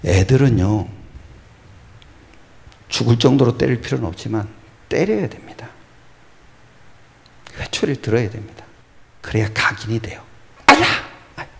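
Speaking at normal speed in a mid-range voice with vocal fry, a pastor delivers his sermon with long pauses. He moves between loud outbursts and quiet whispers, posing rhetorical questions and then answering them himself.

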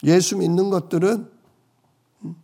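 A male pastor delivers a sermon in a notably high voice. He swings between loud, emphatic declarations and soft, hushed asides, and voices the complaints of troubled people as he quotes them. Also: steady tone, unhurried, vocal fry.

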